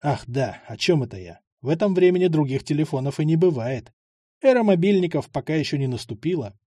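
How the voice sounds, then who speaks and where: A man's voice: fairly high pitch, expressive, fairly quick, mellow, slightly rough, no room sound, studio quality. A man narrating first-person fiction in a wry, mocking tone. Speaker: audiobook narrator.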